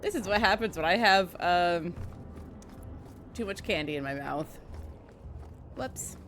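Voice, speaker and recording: A woman's voice: on the low side, expressive, unhurried, fairly bright tone, faint music behind. A woman casually commenting while playing a game, chatty and wry, now and then swearing. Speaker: let's play streamer.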